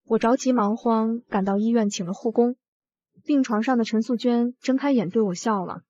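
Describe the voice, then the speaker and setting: A woman narrating a short drama in the first person, telling the story at a steady pace. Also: fairly high pitch, dry recording. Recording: dull lo-fi audio.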